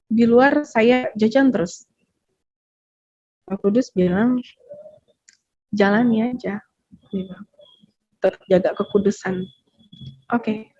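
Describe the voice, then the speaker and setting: Slow, halting woman telling her testimony. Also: mid-range voice, dry recording. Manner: slow, halting storytelling with many fillers. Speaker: testimony guest. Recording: dull, dry sound.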